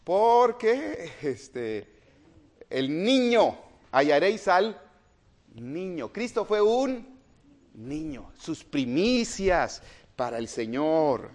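A man preaching an interactive Bible study, quizzing the congregation and swinging from emphatic lines to hushed ones. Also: on the high side, big pitch swings, very slow. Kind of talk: interactive sermon.

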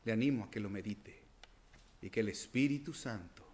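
A man's voice: lowish voice, moderate pace, a little mellow. A male pastor preaching a sermon, firing rhetorical questions and swinging between raised emphasis and near-whispered asides.

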